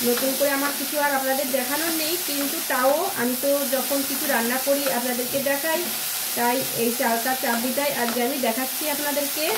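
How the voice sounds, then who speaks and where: Chatty high-voiced woman vlogging. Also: echoey room, noisy background. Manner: chatty, often asks "all right?" to viewers. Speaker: home cooking vlogger. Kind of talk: casual home vlog chat. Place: home kitchen.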